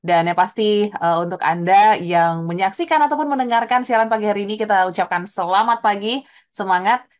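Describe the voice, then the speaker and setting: A woman's voice: mid-range voice, a little fast. A woman hosts a business radio show, upbeat and mixing in English phrases. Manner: upbeat, mixes English phrases, frequent "gitu ya". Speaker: radio host. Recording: dull lo-fi radio broadcast.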